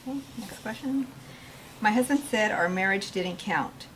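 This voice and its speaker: A woman reading audience questions aloud at a faith-based meeting and candidly sharing her own view in a soft-spoken way. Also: mid-range voice, expressive, moderate pace, a little hiss or hum, poor audio. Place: meeting room.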